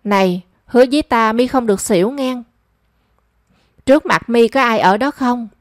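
A woman doing a brisk young female friend. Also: fairly high pitch, no room sound, studio quality, natural voice.

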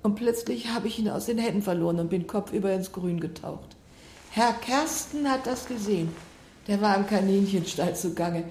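An actress acting in a radio play portrays a mother recovering from heart surgery, relentlessly questioning her daughter in a probing, insistent way. Her natural voice is medium-pitched and darkish, at a moderate pace, with a roomy sound and a little hiss or hum.

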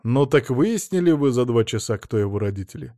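An eager male investigator, voiced by the narrator in an audiobook, pressing the women with quick, probing questions. His voice stays close to an ordinary man's, dry and near the mic. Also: medium pitch, animated, warm tone, no echo, lightly acted.

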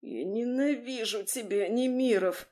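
A woman voicing a sharp-tongued young woman in labor who gasps and hisses through the pain. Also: a little high, unhurried, lightly acted. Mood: angry. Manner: gasping, hissing through pain.

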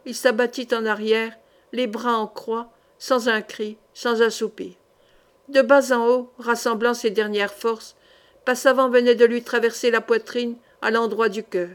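A woman with a slightly high voice reads a historical novel as an audiobook. Her storytelling is measured and dramatic.

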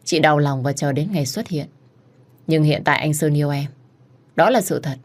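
A woman voicing a calm scheming rival. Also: low-pitched, moderate pace. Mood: calculating.

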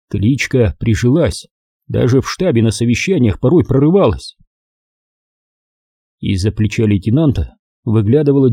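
A man narrating a war novel audiobook in an expressive, dramatic reading. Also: medium pitch, breathy edge, dry recording, studio quality. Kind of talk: scripted narration.

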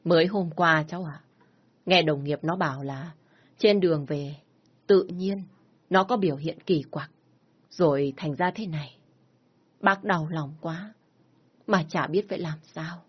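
A woman's voice: low-pitched, a little slow, pauses often, breathy edge, highs cut off. Woman doing a grieving mother about sixty. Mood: sorrowful. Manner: soft, sorrowful.

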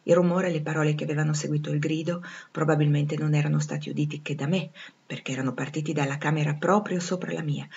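A woman reading a classic novel aloud in a measured, expressive way. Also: low-pitched, highs cut off. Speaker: audiobook reader. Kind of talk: literary audiobook narration.

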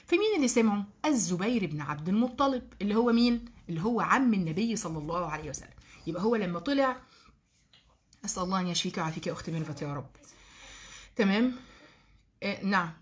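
A woman with an Egyptian Arabic accent teaching a religious lesson to girls in a lively way, often asking the class questions and explaining terms. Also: medium pitch, fast, pauses often, breathy edge.

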